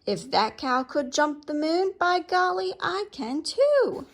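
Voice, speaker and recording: A plucky storybook cow, acted out by a woman reading aloud. She is female, determined and earnest, and speaks emphatically in a slightly high voice. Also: big pitch swings, slow, slight background noise, exaggerated voice. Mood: defiant.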